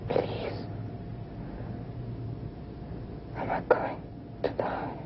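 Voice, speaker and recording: An actress in a 1940s film drama playing a gravely wounded, frightened, tender woman, speaking faintly and breathily through pain. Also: on the low side, big pitch swings, moderate pace, background noise. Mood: pleading. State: in pain, weak and near tears. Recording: dull 1940s film soundtrack.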